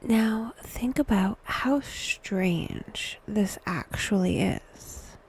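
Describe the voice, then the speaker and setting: In a hushed, breathy, often near-whispered mid-range voice, a woman narrates a scripted guided meditation. Her delivery is wry and dry, and she draws out her words.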